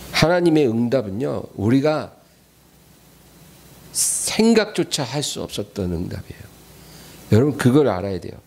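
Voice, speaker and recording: A male pastor delivers a sermon in a church, driving each point home with emphatic repetition. His voice sits at an ordinary middle pitch for a man. He keeps turning to the congregation to press his message. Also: warm tone, a little hiss or hum. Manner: emphatic, repeats key phrases, often addresses the congregation. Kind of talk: weekday sermon.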